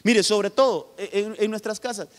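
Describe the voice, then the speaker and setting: A man's voice: high-pitched, moderate pace. A male pastor from Honduras preaching a sermon with emphatic delivery, often calling out to his listeners directly. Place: church hall. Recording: long hall reverb.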